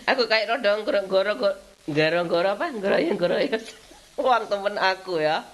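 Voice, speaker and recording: A woman's voice: medium pitch, lively intonation, normal speed. Woman rambling in vlog. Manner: rambling, frequent laughter, repeats "kayak gitu". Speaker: vlogger. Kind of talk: casual chatty vlog.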